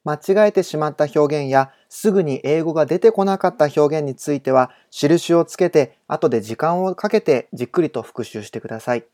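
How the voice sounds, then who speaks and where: A man teaching English in a recorded home-study lesson, giving polite instructions and reading example sentences slowly and carefully. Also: a little high, darkish tone.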